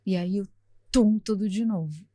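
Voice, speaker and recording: A middle-aged woman from Brazil, a podcast guest who tells her story in a lively, talkative way, acting out sounds as she goes. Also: medium pitch, normal speed, no room sound.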